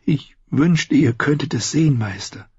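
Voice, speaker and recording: A man voicing a timid, anxious young man who stutters and speaks in a hushed, husky voice. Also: on the high side, lively intonation, unhurried, no room sound, voice pushed up, heavily acted. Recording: dull lo-fi audio.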